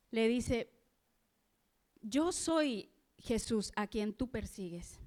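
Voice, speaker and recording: A woman delivers a sermon at an unhurried, deliberate pace. Her voice is clear and smooth, pitched a touch high, and she leans on rhetorical questions as she reflects on her text. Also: a bit bright. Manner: earnest, slow preaching with rhetorical questions. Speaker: preacher. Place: church.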